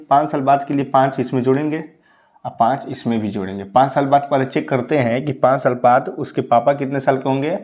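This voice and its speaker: Young guy teaching maths, goes step by step, keeps checking everyone's following, mid-pitched voice. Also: a little mellow. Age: 20s. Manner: repeats points with frequent "ठीक है" check-ins. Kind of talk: explaining exam maths problems.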